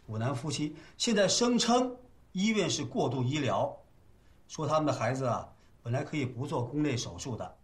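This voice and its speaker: An actor playing a cautious male lawyer in a TV drama, explaining a weak case in a measured way. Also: medium pitch, big pitch swings, natural voice. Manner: measured, reasoning, soothing. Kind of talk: TV drama acting.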